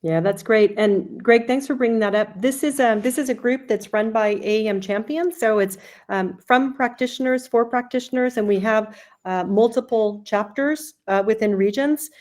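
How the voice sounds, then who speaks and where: A woman's voice: a little high, normal speed, a little mellow. Woman hosting an online user group. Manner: friendly, welcoming, with fillers. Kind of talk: casual webinar hosting.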